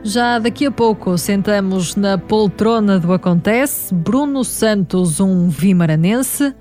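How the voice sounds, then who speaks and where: A woman's voice: medium pitch, slow pace, dark tone, faint music behind. A woman with a European Portuguese accent reads a scripted feature as a reporter. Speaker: reporter and interviewer.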